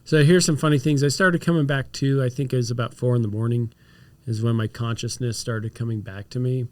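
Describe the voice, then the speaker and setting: A man's voice: medium pitch, brisk, dry recording. A man, a chiropractor, chatting casually on a health podcast, explaining remedies and telling stories. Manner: storytelling, mixes explanation with animated reenacted quotes.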